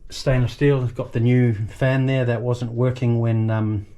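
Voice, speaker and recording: A man giving a casual, unscripted walkthrough of a boat's engine room, halting a little as he thinks aloud and points things out. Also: mid-range voice, flat delivery, background noise. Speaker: boat owner giving a tour. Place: small boat engine room.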